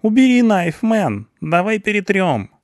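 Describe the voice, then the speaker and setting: A man reading an audiobook, voicing a young punk who talks in street slang and pleads excitedly. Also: sits high, unhurried, no echo, studio quality, pitched above the performer's own voice, exaggerated voice. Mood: pleading excited.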